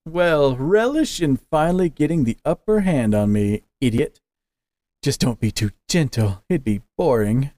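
A man's voice: mid-range voice, lively intonation, unhurried, mellow, no room sound, studio quality, natural voice. A man voicing a sly demon creditor trapped in a plush toy, with a mocking, purring manner. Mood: teasing.

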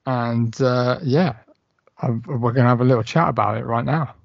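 A man's voice: mid-range voice, moderate pace, creaky, no room sound, highs cut off. A man co-hosting a horror film podcast, rambling casually with lots of fillers and the odd swear. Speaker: podcast co-host. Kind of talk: casual chat.

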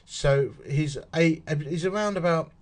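A man's voice: on the high side, unhurried. A man with an Essex accent reading a history article aloud, stopping for chatty asides and working out dates and numbers as he goes. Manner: chatty, works figures out aloud.

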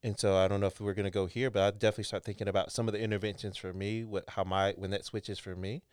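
Low, smooth-voiced man in earnest discussion. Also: little pitch movement, rapid-fire, a little mellow, no echo, studio quality. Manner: earnest, reflective, builds thoughts with restarts. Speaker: podcast co-host, couples therapist. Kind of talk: casual professional discussion.

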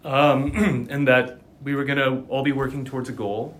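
Speaking in quick, enthusiastic bursts, a male dialect coach answers questions articulately in a conversational interview. He has a mid-range voice and a steady tone.

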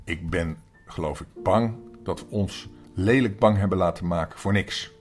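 A man's voice: deep voice, moderate pace, soft background music, close to an everyday voice. An older man voicing a brave, loyal young boy who leads his friends, in a storybook reading. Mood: confident. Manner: commanding, urgent calls.

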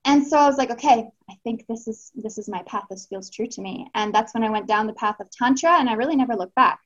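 A woman's voice: fairly high pitch, quick pace. Earnest woman on lo-fi call. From Canada. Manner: earnest, heartfelt, many fillers and restarts. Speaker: guest, Tantra teacher. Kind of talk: casual podcast interview.

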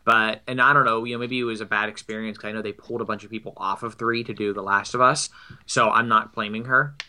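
A man's voice: fairly low pitch, fairly even intonation, fast talker, bright, forceful tone. A man co-hosting a podcast, chatting casually with hesitant, stammering restarts. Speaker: podcast co-host.

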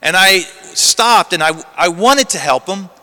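A man's voice: high-pitched, lively intonation, measured pace, sharp tone. A man, a priest, reading the gospel and giving an earnest storytelling homily, his voice carrying a cathedral echo. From United States. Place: large church. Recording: long church reverb.

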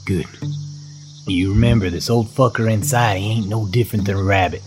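A man voicing a violent, foul-mouthed frontier father who snarls threats and bursts into yells, over guitar music. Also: fairly low pitch, steady tone, fairly quick, background noise, close to an everyday voice. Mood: gruff orders.

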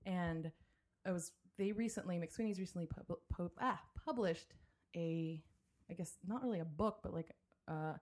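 A woman's voice: on the low side, normal speed, a little mellow. A woman hosting a casual podcast from a home studio, chatting loosely with many fillers and restarts. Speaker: podcast host. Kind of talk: casual chat. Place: home studio, drinking with a guest.

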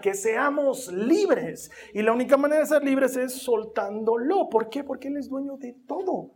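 Pastor preaching a sermon, man with a high-pitched voice, emphatic, asks the congregation rhetorical questions. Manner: emphatic, animated storytelling.

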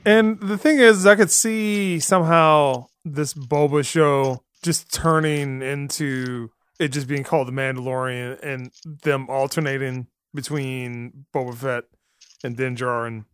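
A man co-hosting a casual podcast chat, relaxed and jokey. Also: medium pitch, measured pace, clear, resonant tone, no room sound. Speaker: podcast co-host.

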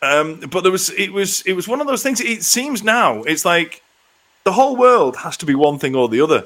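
A middle-aged man chats as a podcast co-host in a slightly higher-than-usual male voice. His talk is casual and peppered with swearing. He readily puts himself down. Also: sing-song, moderate pace, a bit bright. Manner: sweary, self-deprecating. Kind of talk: casual chat.

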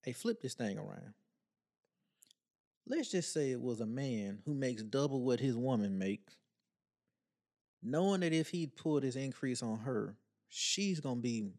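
A man's voice: medium pitch, very animated, moderate pace, darkish tone. A man co-hosting a casual advice podcast, joking in a teasing, playfully petty way. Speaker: podcast co-host giving advice. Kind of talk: casual chat.

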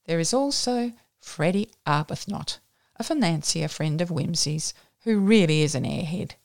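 A woman with a broad Australian accent reads a novel aloud, stopping to sum up the plot in plain, unfussy words. Her voice sits on the low side and the recording is dry and close, with no room sound. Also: animated, moderate pace, vocal fry, darkish tone, dry recording. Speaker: reader. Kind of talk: reading a novel aloud with chatty summaries.

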